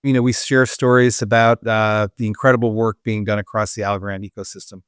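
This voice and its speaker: A man's voice: on the low side, flat delivery, fairly quick, smooth, no room sound, clean studio sound. A man hosting a podcast, chatting casually and loosely, with frequent fillers and restarts. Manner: conversational, many fillers and restarts. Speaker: podcast host. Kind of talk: casual interview chat.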